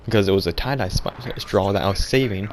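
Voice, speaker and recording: Deep-voiced man rambling a deadpan tall tale. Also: background noise. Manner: rambling, halting, full of restarts and fillers. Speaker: vlogger. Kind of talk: deadpan absurd storytelling.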